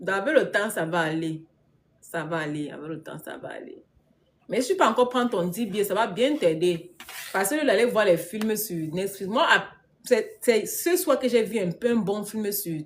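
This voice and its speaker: A woman's voice: mid-range voice, slight background noise. Emphatic woman coaching on a live stream. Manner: emphatic and repetitive, laughs often; mixes English words into her talk. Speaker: business coach. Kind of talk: casual live-stream coaching, answering viewer comments.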